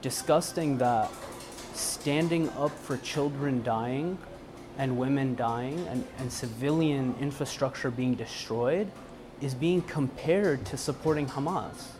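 Young male college student, music behind. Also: medium pitch. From United States. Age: young adult. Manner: earnest, halting, repeating himself. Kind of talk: news interview answers.

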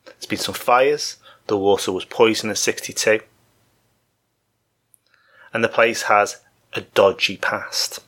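A man giving informal film history commentary as a host, in thoughtful phrases broken by pauses. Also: fairly low pitch, fairly even intonation, pushed and bright.

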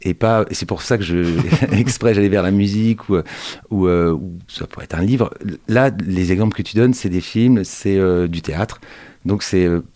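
A man's voice: sits low, moderate pace, dark tone, dry recording. A man hosting an interview, asking meandering questions full of fillers and hesitations. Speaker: interviewer host.

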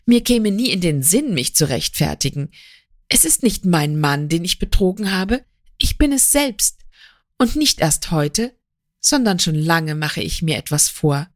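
A woman's voice: on the low side, big pitch swings, measured pace, dry recording, clean studio sound. A woman voicing a tearful, remorseful young wife. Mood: anguished.

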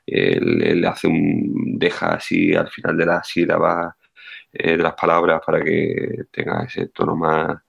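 A man's voice: a bass voice, big pitch swings, a little slow, creaky, breathy edge, lo-fi sound. A man, co-hosting a podcast and giving blunt, opinionated takes on a film in casual talk. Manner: blunt, opinionated, restarts often. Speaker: podcast co-host.

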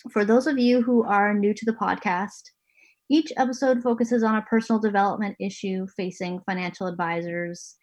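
A woman with a mid-range, slightly mellow voice speaks at a normal speed and a steady tone. She's a managing editor hosting an interview podcast from her home basement, talking earnestly and restarting a few times.

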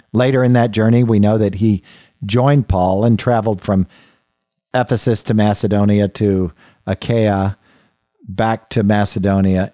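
A man's voice: lowish voice, warm tone, dry recording, clean studio sound. A man teaching a Bible study lesson in a thoughtful, conversational way, often restarting phrases and turning aside to the listeners. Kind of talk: unscripted Bible study lecture.

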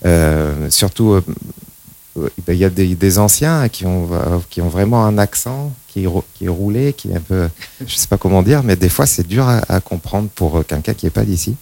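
A man from the Limousin region of France, a guest on a casual radio interview, who answers hesitantly with many pauses. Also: low voice, expressive, gravelly, mellow. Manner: hesitant, many fillers and restarts. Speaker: guest, professional firefighter.

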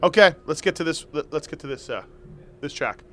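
A man with a slightly high voice hosts a casual sports chat. He is blunt and teasing as he steers the banter along. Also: lively intonation, a little fast, fairly bright tone. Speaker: host.

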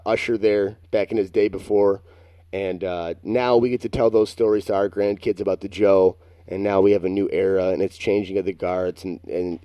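A man's voice: on the low side, dark tone, dry recording, clean studio sound. A young man co-hosting a casual chat, telling a long, rambling, self-mocking story. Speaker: podcast co-host.

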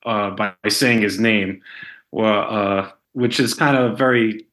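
A man's voice: fairly low pitch, steady tone, slow, a bit bright. A man co-hosting a podcast, talking casually about a film in a hesitant way, full of fillers. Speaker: podcast co-host.

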